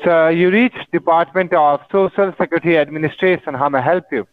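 A man's voice: fairly high pitch, fairly quick, no echo. A man giving a scripted phone greeting as an agent posing as a government officer. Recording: tinny, narrow phone line.

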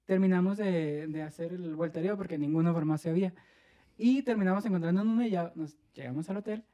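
A man with a Mexican accent telling an animated story on a podcast, laughing and acting out what people said. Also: high-pitched, fast, muffled recording. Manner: animated, laughing, acts out quoted voices. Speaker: podcast co-host. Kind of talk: casual storytelling chat.

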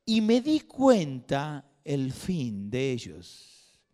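A man preaching a sermon in a church, swinging from loud emphatic bursts to hushed asides. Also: medium pitch, huge pitch swings, extremely slow. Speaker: pastor. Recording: long hall reverb.

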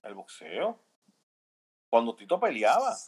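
A man's voice: mid-range voice, huge pitch swings, takes it slowly, breathy edge, poor audio. A man with a Puerto Rican accent, a guest on a podcast, giving his opinions in casual talk, thinking aloud and often checking in with tag questions. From Puerto Rico.

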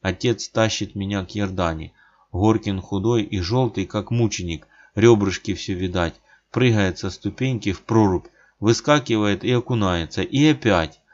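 A man narrating a literary audiobook in a measured, plain manner, in a dull lo-fi recording. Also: fairly low pitch.

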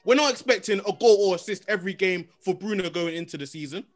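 A man's voice: high-pitched, fast talker. A man in a casual football debate, insistently repeating his points while trying to moderate.

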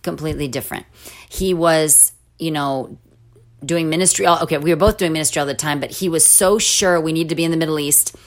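Middle-aged woman with a low voice, chatty and animated, telling her story in an interview, lots of restarts. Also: fairly quick. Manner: animated, with frequent restarts and laughing asides. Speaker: interview guest. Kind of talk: personal storytelling in a casual interview.

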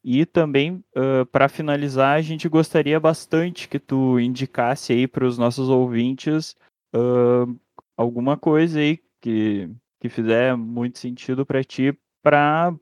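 A man's voice: mid-range voice, darkish tone, dry recording. A man with a southern Brazilian gaúcho accent, talking casually as a podcast interview host. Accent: southern Brazilian, Rio Grande do Sul.

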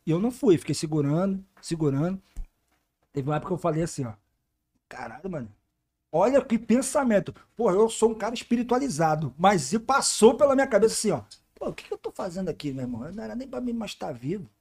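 A man's voice: high voice, quick pace, husky. A man, a podcast guest telling stories in casual slangy chat, acting out the people in them. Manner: animated, slangy, acts out voices in his stories. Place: podcast studio.

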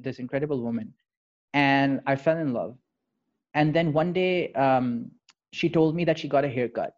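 A man with a Pakistani accent telling personal stories in a thoughtful, halting conversational way, switching between English and Urdu. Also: fairly high pitch, a little mellow, muffled recording. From Lahore, Pakistan. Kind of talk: reflective conversational storytelling.

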